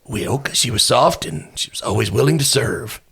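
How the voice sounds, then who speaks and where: A woman's voice: a bass voice, lively intonation, normal speed, creaky, a bit bright, slightly rough, voice pushed down, exaggerated voice. A woman playing a catty, boastful old Hollywood retiree in a comedic tabletop game, wry and reminiscing.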